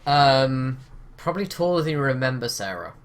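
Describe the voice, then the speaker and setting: A man's voice: mid-range voice, animated, normal speed. A man narrating as game master of a tabletop game, hesitant and full of "um" and "sort of" fillers.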